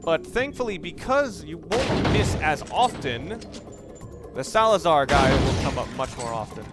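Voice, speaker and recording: Unhurried, with a slightly high voice that swings widely in pitch, a man narrates a video game casually and off the cuff. He rambles and frequently rephrases mid-sentence. Game music and gunfire are loud in the background.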